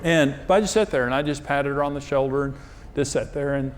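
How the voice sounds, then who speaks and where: A man teaching on marriage through humorous, self-deprecating personal stories, told in an animated way. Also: medium pitch, quick pace. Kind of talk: personal storytelling talk.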